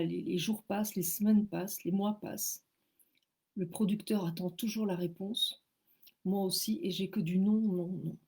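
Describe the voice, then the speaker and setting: A French woman tells her own story at an unhurried pace, her voice slightly husky. She is animated and self-mocking, and she stumbles and repeats words as she goes. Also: medium pitch. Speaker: author telling her story. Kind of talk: casual spoken storytelling.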